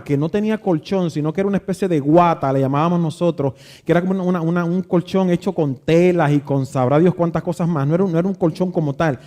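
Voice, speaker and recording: A man preaches a sermon in an unhurried storytelling manner, pausing and restarting as he recalls scenes. His voice sits a little high for a man, but its tone is dark and mellow. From Dominican Republic. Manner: reflective, nostalgic storytelling with frequent restarts. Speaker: pastor.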